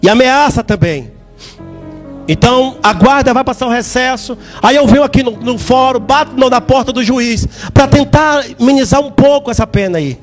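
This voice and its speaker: A man giving a fervent church testimony in a sing-song preaching manner, repeating words and rising to shouts. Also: very high-pitched, normal speed, faint music behind.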